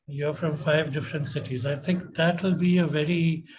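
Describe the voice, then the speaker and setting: A middle-aged man with an educated, polished Indian accent, giving measured, hesitant feedback and questions as a competition judge. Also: fairly high pitch, fairly even intonation, darkish tone, a little hiss or hum.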